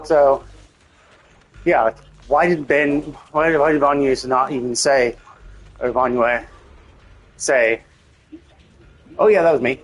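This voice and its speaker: A man with a mid-range voice streams a game, speaking slowly with long pauses on a rough recording. His casual live commentary rambles and repeats as he thinks aloud, speculating about the game's story, while music with plucked guitar plays behind him.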